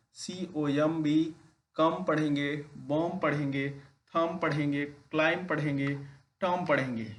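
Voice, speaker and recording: A man teaching an English pronunciation lesson, speaking slowly and deliberately and spelling words out letter by letter. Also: a little high. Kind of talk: classroom-style lesson.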